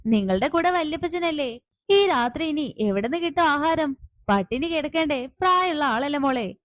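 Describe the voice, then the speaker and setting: A woman voicing a patient young woman who reasons and pleads calmly but firmly. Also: high-pitched, moderate pace, dry recording, studio quality. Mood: gently scolding. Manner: calm, gently reasoning and pleading. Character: patient young woman, calm and gently firm. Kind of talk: serial recap with acted dialogue.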